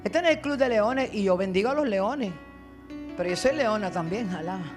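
A woman preaching a sermon as a guest preacher, retelling scripture dramatically and dropping to low asides. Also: lively intonation, brisk, over music.

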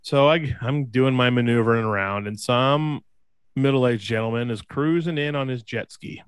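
A man's voice: normal speed, smooth, dry recording. A young man tells a story to his co-hosts in a loose, casual way. His voice leaps up when he quotes someone. The sound is dry and close, with no room around it. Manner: animated storyteller, voice jumps high when quoting people. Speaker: podcast co-host.

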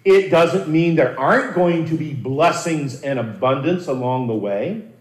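A man preaching a sermon as a pastor, earnest and animated, with dramatic pauses and repeated words. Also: a little high. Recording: roomy echo.

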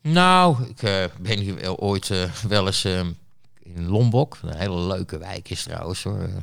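With a low-pitched, gravelly, slightly bright voice, this street reporter speaks as an interview guest at a measured pace, sounding expressive. He tells a casual story in a blunt, rambling manner, full of fillers and restarts.

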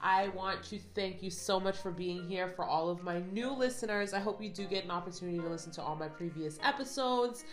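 A woman hosting a motivational podcast, a little stuffy from a cold, talking casually and reading affirmations slowly and earnestly. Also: lowish voice, echoey room, soft background music. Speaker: podcast host.

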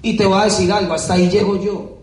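A man's voice: high voice, level tone, fast, a little mellow. A man giving an emphatic motivational speech to an audience at a business event, hammering points home with repetition and rhetorical questions. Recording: echoey hall, picked up from a distance.

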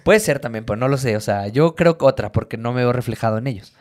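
A man's voice: medium pitch, quick pace. Mexican man telling stories in casual chat. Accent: Mexican Spanish. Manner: animated storyteller, swears freely.

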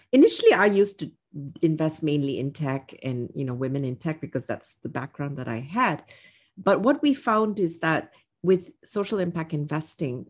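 A woman in her fifties from Singapore, speaking as an interview guest in a measured, reflective way with frequent "um" fillers. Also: low-pitched, a little mellow, husky. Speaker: guest, investor. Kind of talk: casual interview.

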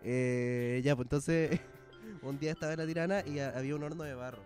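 A young Chilean man co-hosts a chatty comedy podcast. He rattles off anecdotes quickly in a somewhat high voice, packed with slang and laughter. Faint music plays underneath. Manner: slangy, laughs often, animated retelling. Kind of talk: casual chat, comic storytelling.

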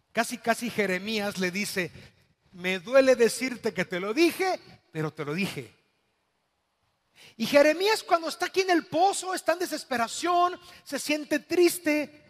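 A man with a Mexican accent preaching a sermon as pastor, swinging between loud, dramatic passages and hushed, quiet ones. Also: extremely high pitch, big-room sound. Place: church.

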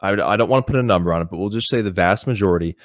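A man with a low voice hosting an interview, recorded dry and close with no room sound. He is agreeable and keeps affirming and extending his guest's points. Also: very fast, dry recording. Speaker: host. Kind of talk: conversational interview.

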